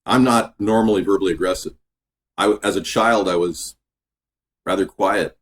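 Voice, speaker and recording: A man hosting a casual home cooking video in his kitchen, chatting in a relaxed, rambling way that drifts off topic. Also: deep voice, moderate pace. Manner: relaxed, filler-heavy talk. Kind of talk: casual cooking vlog chat.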